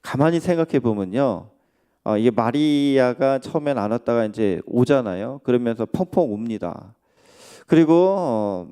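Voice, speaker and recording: A man's voice: mid-range voice, warm tone, clean tone. A male pastor preaching in a church, speaking conversationally and putting rhetorical questions to the congregation. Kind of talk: sermon. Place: church sanctuary.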